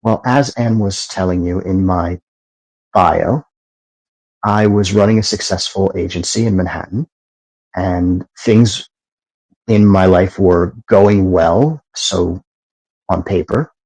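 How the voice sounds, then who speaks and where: A middle-aged man, a meditation teacher, guiding breathing in a slow, calm way and then explaining the practice. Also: low-pitched, poor audio. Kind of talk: guided meditation and talk.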